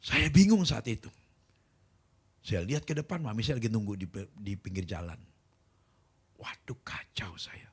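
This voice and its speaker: A middle-aged man preaching a sermon, telling a personal story with acted-out quoted voices and rising to loud, emphatic calls to the congregation. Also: fairly low pitch, sing-song, moderate pace, breathy edge. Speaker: pastor.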